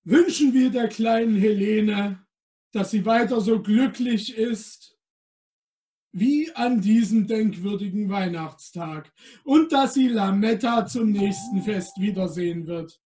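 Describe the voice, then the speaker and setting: A man appearing as Santa Claus, reading a storybook aloud to children and talking to them directly. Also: high voice. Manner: addresses children directly, slow and gentle.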